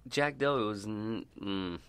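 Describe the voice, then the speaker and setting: A man's voice: on the low side, measured pace, fairly bright tone, smooth, no echo. A man co-hosting a casual sports talk show, playful and laughing often.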